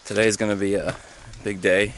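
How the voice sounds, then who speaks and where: A young man casually vlogging while hiking a mountain trail, talking in a halting, easygoing way with many fillers, sometimes out of breath. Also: lowish voice, level tone, fairly bright tone. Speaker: thru-hiker vlogger. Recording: outdoor clip with clear background noise.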